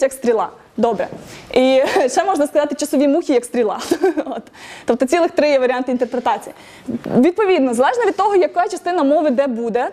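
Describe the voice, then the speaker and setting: A high-pitched woman talks quickly as she runs a lively tech meetup lecture. She quizzes the audience, praises their answers and laughs easily between points. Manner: laughs often, lively and encouraging.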